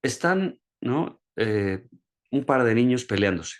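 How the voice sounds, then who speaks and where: A man teaching an online class over a video call. He explains a concept in a plain, everyday speaking voice, often restarting and repeating words. When he gives an example he raises his pitch. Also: lively intonation, slow pace. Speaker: course instructor.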